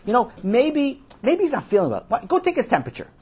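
A man's voice: very high-pitched, huge pitch swings, quick pace, crowd noise, heavily acted. A man voicing an eager, chatty young boy who rambles in a sing-song way, for a children's audio story. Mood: earnest.

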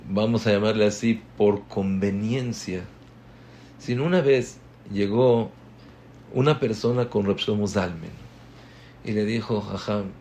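Slow, emphatic religious teacher. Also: male voice, lowish voice, a little hiss or hum. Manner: storytelling, moves between hushed and emphatic. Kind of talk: religious class.

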